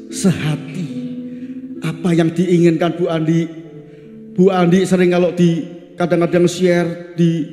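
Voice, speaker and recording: A man's voice: high voice, dark tone. Man preaching in an echoey church hall. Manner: conversational preaching, asks the congregation questions. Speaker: pastor. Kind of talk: sermon.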